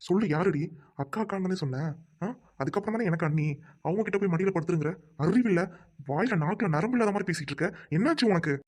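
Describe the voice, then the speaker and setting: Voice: mid-range voice, animated, rapid-fire, darkish tone, natural voice. A performer acting as a young husband who lectures his new wife for the sake of his elder brother's family in a Tamil audio drama. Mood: angry.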